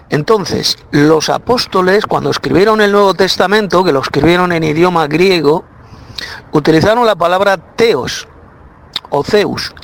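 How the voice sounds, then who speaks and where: A man's voice: fairly high pitch, vocal fry, slight background noise. A man giving a spoken Bible teaching as a preacher, insistent and repetitive, with frequent hesitant fillers.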